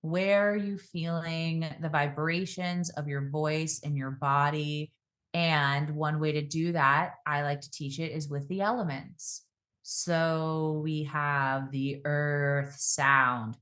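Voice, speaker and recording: A woman coach for public speaking joins a podcast as a guest, calm and reflective in tone. She alters her pace and pitch, slowing down, to illustrate her voice work.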